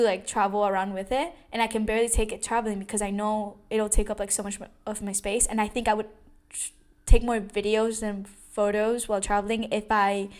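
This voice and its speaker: A young adult woman telling a personal story in a casual vlog, chatty, with many fillers and restarts. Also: medium pitch. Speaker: vlogger.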